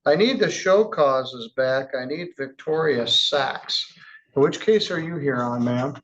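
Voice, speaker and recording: A man presiding as a judge in a courtroom, reading charges in a measured, formal way with casual asides. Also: mid-range voice, a bit bright, lo-fi sound, slight background noise. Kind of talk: courtroom proceedings.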